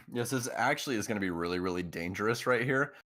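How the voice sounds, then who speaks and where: Deep-voiced enthusiastic esports co-caster. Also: male voice, expressive, fast talker, sharp tone, no room sound. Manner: enthusiastic, rambling, filler-heavy. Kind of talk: live esports commentary.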